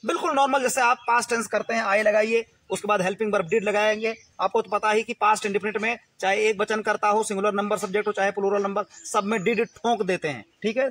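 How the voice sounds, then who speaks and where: Energetic man teaching English. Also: sits high, husky. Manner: energetic, repetitive, coaxing. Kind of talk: spoken English lesson.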